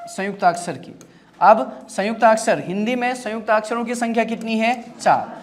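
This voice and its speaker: A man's voice: sits high, moderate pace, a little hiss or hum. A male Hindi teacher who drills his class with questions. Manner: drills with repeated questions and answers. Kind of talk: classroom grammar lesson.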